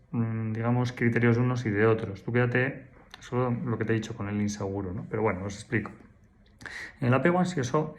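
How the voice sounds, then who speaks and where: Man explaining with rhetorical questions. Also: mid-range voice. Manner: didactic, asks rhetorical questions and checks in with "¿mm?". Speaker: therapist answering viewer questions. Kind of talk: explanatory talk to camera.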